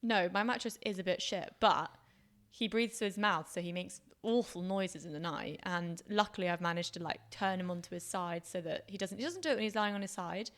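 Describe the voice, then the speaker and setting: A woman's voice: fairly low pitch, a little fast, fairly bright tone. A woman co-hosting a podcast, talking casually and unscripted with chatty, teasing banter. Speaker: podcast co-host.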